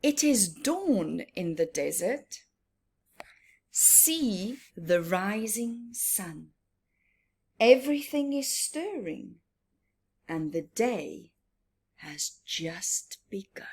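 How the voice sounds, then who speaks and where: Her voice is husky and darkish, medium in pitch, with big swings, and she speaks extremely slowly, pausing often. She hosts a children's read-aloud and lesson, singsong and full of repeated words, questioning her young listeners and answering for them.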